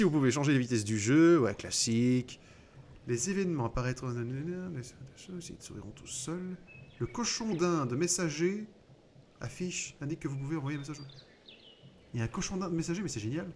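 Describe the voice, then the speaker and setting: A man's voice: fairly high pitch, a little mellow, slight background noise. A man hosting a let's play, giving casual gaming commentary, sarcastic and joking, swearing and mocking the game text he reads out.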